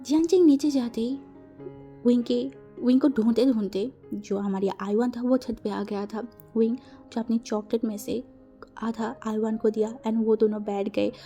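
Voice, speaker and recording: A woman's voice: fairly high pitch, steady tone, normal speed, warm tone, faint music behind. A woman reading out a fan fiction story in a chatty, casual way, slipping English words into her telling.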